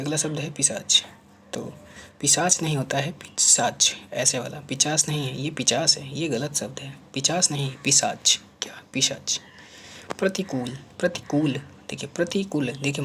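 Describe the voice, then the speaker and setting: A man with a high, fairly bright voice leads a spelling lesson for an exam, with a little hiss or hum in the audio. He repeats each word several times and answers his own questions. When he writes on screen, his voice falls to a murmur.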